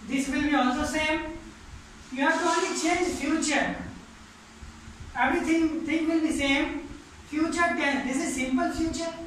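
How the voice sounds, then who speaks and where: A woman with an Indian English accent teaching grammar in a classroom, explaining slowly in English and quickly in Hindi. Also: sits high, fairly even intonation. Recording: echoey room recorded from far off, faint noise.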